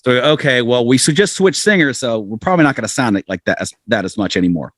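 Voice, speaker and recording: This is casual, anecdote-driven interview talk from a middle-aged male podcast guest who pokes fun at himself and performs the quotes he recounts. He speaks quickly and with animation at a medium pitch, captured in a dry, clean studio recording.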